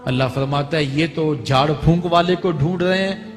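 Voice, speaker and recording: A man preaching an Islamic sermon with dramatic swings between fervent cries and low, grave tones. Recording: long hall reverb with faint music.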